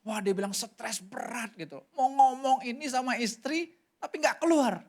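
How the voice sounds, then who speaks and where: A man preaching a sermon in an animated storytelling way. His pitch leaps up and drops suddenly as he tells the story. He keeps turning to address the congregation directly. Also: normal speed. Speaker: pastor.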